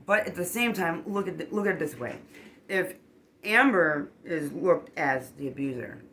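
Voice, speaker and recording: A bright, sharp-toned tarot reader talking casually to the camera, animated and rambling. Points are punched with a quick "boom" or "okay?", and the speaker gets emotionally worked up, with a faint hum of ambience underneath. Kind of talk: casual tarot reading monologue.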